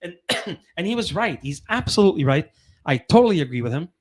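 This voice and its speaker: Fast-talking, fired-up podcast host. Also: male voice, fairly high pitch. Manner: animated, swearing, repeats himself for emphasis. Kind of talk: casual chat.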